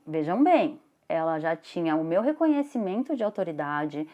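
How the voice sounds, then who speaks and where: A woman lecturing, animated, rising high when she tells stories. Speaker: instructor.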